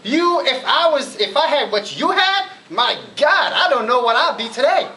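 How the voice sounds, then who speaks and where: A man's voice: very high voice, expressive, moderate pace, pushed and bright, rough recording. A middle-aged man giving a motivational keynote speech at a college event, telling stories and acting out his own inner thoughts with building emphasis. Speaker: keynote speaker.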